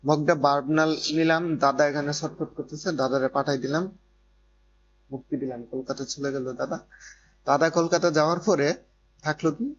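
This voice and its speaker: A man's voice: fairly high pitch, steady tone, brisk. A man teaching a grammar lesson who keeps repeating points and asking if students follow. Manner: repeats points and checks understanding. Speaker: Korean language teacher. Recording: dull lo-fi recording with faint noise and hum.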